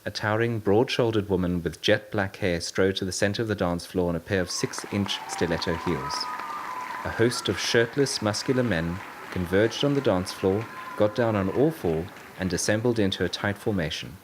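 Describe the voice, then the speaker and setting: A man narrating an audiobook story in a steady, measured way. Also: low-pitched, noisy background. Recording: narration over loud music.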